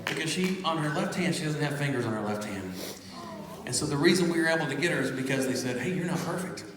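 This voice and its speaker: A man telling a story between songs on a church stage, animated, then dropping to a hushed voice. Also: on the high side, fast talker, background noise. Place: large church hall with an audience. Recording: echoey church hall, crowd reacting. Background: audience responses.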